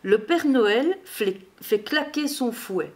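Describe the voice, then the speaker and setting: A woman reading a children's Christmas storybook aloud in an expressive, measured way. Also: a little high.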